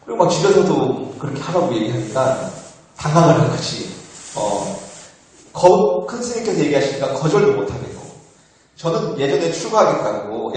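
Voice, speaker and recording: A man's voice: mid-range voice, a little mellow. A man, a monk, giving an informal Buddhist dharma talk, conversational with frequent fillers and laughter. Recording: very echoey, far from the mic.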